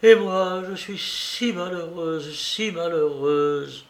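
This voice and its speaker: A man's voice: fairly high pitch, slow pace. A man voicing a desperate, tearful estranged wife who pleads theatrically in an audiobook reading. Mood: pleading. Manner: pleading, theatrical, sobbing outbursts. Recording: roomy echo.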